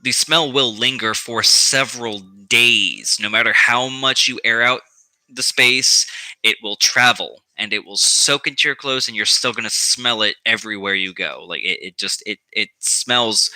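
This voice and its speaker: A man's voice: medium pitch, measured pace, pushed and bright, no room sound, low-quality recording. A man giving a casual how-to vlog on occult practice, rambling with lots of ums and restarts and some profanity.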